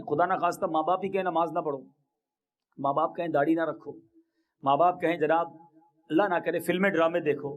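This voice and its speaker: Male preacher, high voice, emphatic exhorting sermon delivery. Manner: emphatic, exhorting, swinging pitch.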